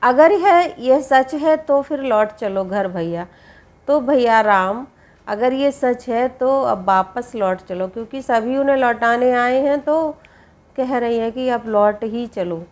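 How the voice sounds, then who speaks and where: A woman teacher with a fairly high voice, working through a poem in a class lesson. She reads a verse line aloud and then unpacks it in simple words, circling back and repeating phrases. She talks at an unhurried, deliberate pace. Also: a little mellow. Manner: reads verse lines, then explains them in plain words with many repeats. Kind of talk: Hindi poetry lesson.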